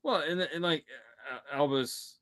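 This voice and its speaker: A man's voice: a little high, a little slow, a bit bright. A man from Michigan co-hosting a casual movie chat, rambling and joking with lots of repeated words. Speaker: podcast co-host.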